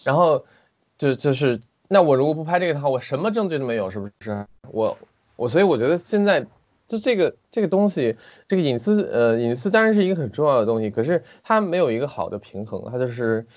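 A man's voice: mid-range voice, quick pace, lo-fi sound. A man, a film director being interviewed, talking casually and animatedly over an internet call, often restarting his sentences. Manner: animated, with frequent restarts and hesitations. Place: at home in the city.

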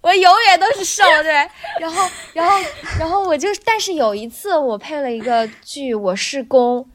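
A woman with a thin, bright, lively, high-pitched voice speaks at normal speed. She's a voice actor appearing as a guest on a podcast, talking casually and explaining things in an animated way.

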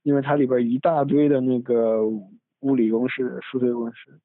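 A man's voice: medium pitch, fairly even intonation, moderate pace, no room sound. A male podcast host in casual academic chat, rambling with restarts and asides, recorded on a phone in a room at home. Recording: tinny, dry phone recording.

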